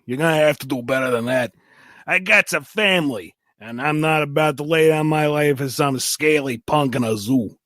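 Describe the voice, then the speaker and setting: A man voicing a gruff, streetwise male mouse who protects his family, speaking bluntly in a Brooklyn accent. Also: a little high, moderate pace, a bit bright, no room sound, clean studio sound, close to an everyday voice. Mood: scornful. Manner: blunt, tough-talking.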